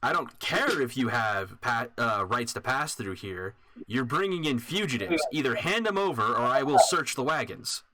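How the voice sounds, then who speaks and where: A man voicing a bearded warrior in full plate armor who shouts his demands. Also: mid-range voice, lively intonation, normal speed, hardly any pauses, pitched above the performer's own voice. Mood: defiant.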